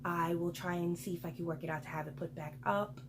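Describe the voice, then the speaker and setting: A woman's voice: fairly low pitch, fairly even intonation, fast talker, background noise. A woman reading a picture book aloud to children and adding chatty asides to her listeners. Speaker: storyteller for children.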